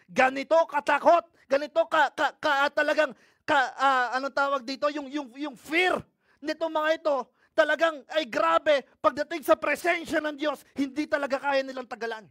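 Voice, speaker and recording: A man with a Filipino accent preaching a sermon in a mix of two languages, reading scripture aloud and often asking his congregation questions, swinging between loud and hushed. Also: very high-pitched, steady tone, moderate pace, no room sound, clean studio sound.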